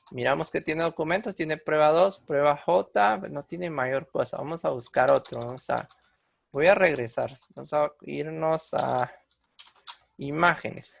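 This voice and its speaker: A man's voice: fairly high pitch, creaky. A man explaining computer commands step by step in a screen-recorded tutorial, with frequent fillers and restarts. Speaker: instructor.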